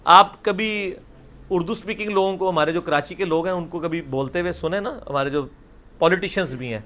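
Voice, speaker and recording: A man teaching a recitation class over a video call, repeating each sound slowly and loudly for his students. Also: sits high, a little hiss or hum.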